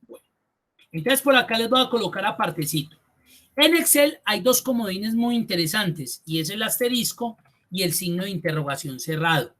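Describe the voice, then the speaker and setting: A man's voice: high voice, animated, moderate pace, fairly bright tone. A man teaching an online spreadsheet class. He explains step by step, repeats key points and thinks aloud. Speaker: spreadsheet course instructor.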